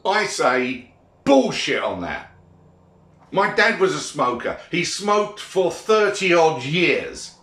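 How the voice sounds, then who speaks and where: Grumpy British male vlogger, blunt and sweary old-man grumble, unhurried delivery, echoey room sound. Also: fairly high pitch, big pitch swings, a bit bright, a little hiss or hum. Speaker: vlogger giving opinions. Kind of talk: opinionated monologue rant.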